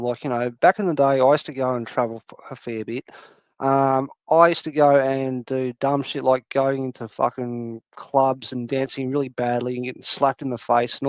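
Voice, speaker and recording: A man's voice: medium pitch, no room sound. Swearing man telling stories. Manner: profane, rambling storyteller. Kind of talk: casual conversation.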